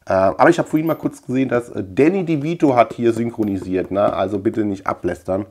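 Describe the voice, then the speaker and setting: A middle-aged man from Germany with a lowish, slightly mellow voice talks at a quick pace. As a video collector and channel host, he rambles informally through a show-and-tell of his collection, repeating words, inside a room filled with shelves of tapes.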